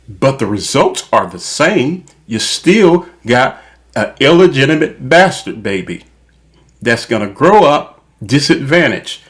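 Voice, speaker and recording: Speaking at a medium pitch, a man hosts his channel with an opinion monologue. He is emphatic and repetitive, laying out each point deliberately.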